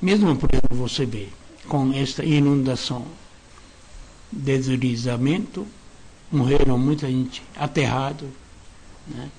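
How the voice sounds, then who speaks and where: A reverend giving an earnest sermon-style lecture, speaking in short broken phrases, repeating key words and tagging sentences with questions. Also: male voice, mid-range voice, measured pace, long pauses, darkish tone, breathy edge.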